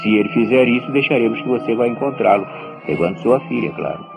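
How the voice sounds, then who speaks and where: An actor with a Brazilian accent playing a stern, protective and persuasive brother in a radio soap opera, speaking with theatrical emphasis. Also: male voice, medium pitch, expressive, fast talker, vocal fry, poor audio. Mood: calculating, persuasive. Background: music.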